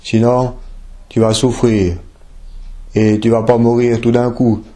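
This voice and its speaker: A man's voice: medium pitch, little pitch movement, slow, warm tone, close to an everyday voice. A man voicing a proud, cruel pagan emperor who gives commands and mocks his prisoner, over background music. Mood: menacing. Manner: commanding, mocking, gloating. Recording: music playing behind.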